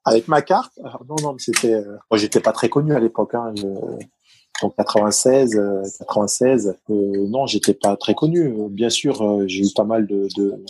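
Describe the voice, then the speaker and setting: A man's voice: fairly low pitch, moderate pace, a little mellow, breathy edge, no room sound, rough recording. A middle-aged man with a Parisian accent, telling his story as an interview guest, hesitant with many fillers and restarts. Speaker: guest, former top-level athlete. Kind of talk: conversational interview.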